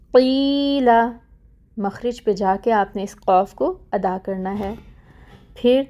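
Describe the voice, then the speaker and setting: A woman teaches Quran pronunciation at a medium pitch, moving briskly through her explanations before reciting each example slowly and more loudly. She keeps checking in with "theek hai". The recording sounds slightly dull and lo-fi. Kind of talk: online recitation lesson.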